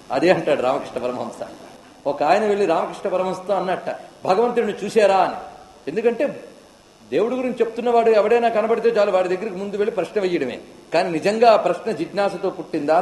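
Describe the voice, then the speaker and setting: A man's voice: high-pitched, darkish tone. A man giving a devotional discourse with chanted verses, speaking with impassioned, rising and falling emotion. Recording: echoey hall with long reverb.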